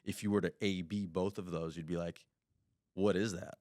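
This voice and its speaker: A man's voice: sits low, fairly even intonation, normal speed, darkish tone, no echo, studio quality. A man co-hosting a podcast in casual chat, switching between French and English mid-sentence and giving firm, emphatic opinions. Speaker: podcast co-host.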